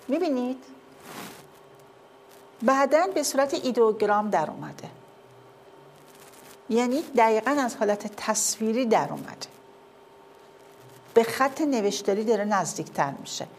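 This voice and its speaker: A woman's voice: medium pitch, a little hiss or hum. A woman giving a classroom lecture with slides, often asking her listeners whether they see and follow.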